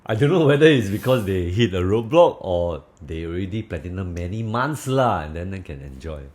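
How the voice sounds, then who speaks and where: A man's voice: low voice, big pitch swings, a little fast, a little mellow. A man with a Singaporean accent, chatting casually as a property agent being interviewed, in Manglish-style English full of local particles and slang.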